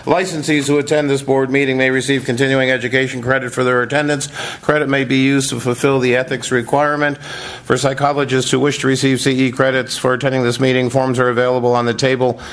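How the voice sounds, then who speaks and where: A man's voice: mid-range voice, flat delivery, fast talker, fairly bright tone. American man chairing a meeting, narrow intonation. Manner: official, procedural. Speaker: board chairman. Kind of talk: formal meeting remarks, reading announcements. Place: public board meeting room.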